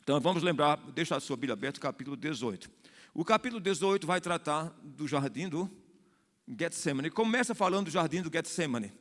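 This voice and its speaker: A Brazilian-accented man preaches a Bible study in a church hall, his fairly high voice carrying a long, ringing reverb. He explains patiently and circles back over his phrases, tossing in little questions to keep the congregation with him. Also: expressive, brisk. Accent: Brazilian Portuguese. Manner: explanatory, repeats and restarts phrases, asks the congregation "né?". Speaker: pastor.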